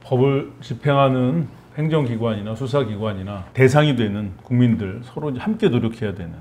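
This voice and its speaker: A man's voice: medium pitch, fairly quick, darkish tone. A middle-aged man with an ordinary mid-range voice hosts the conversation, reflecting aloud and tying the guest's points together. He talks casually over a light bed of noise. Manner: reflective, summarizing, chatty. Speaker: program host. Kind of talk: conversational talk-show hosting.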